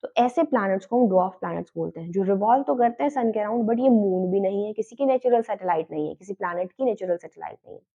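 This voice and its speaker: A woman's voice: mid-range voice, animated, quick pace, few pauses, mellow, breathy edge, muffled recording. A woman teacher giving a lecture, asking questions and answering them herself, often switching into English phrases. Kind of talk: classroom lecture.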